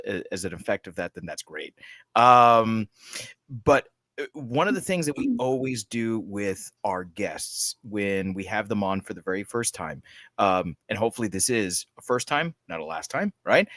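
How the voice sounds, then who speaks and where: Low-voiced man co-hosting a podcast. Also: dry recording. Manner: rambling, filler-heavy, animated storytelling. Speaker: podcast co-host. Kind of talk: casual chat.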